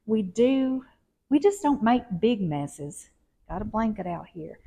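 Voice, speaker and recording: A woman's voice: medium pitch, expressive, a little slow, dark tone. A woman, chatting in a rambling, folksy home vlog. She talks straight to her viewers as y'all. She is recorded indoors at home on a clip-on mic. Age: 50s. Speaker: lifestyle vlogger. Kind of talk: casual home vlog chat. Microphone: wired clip-on mic.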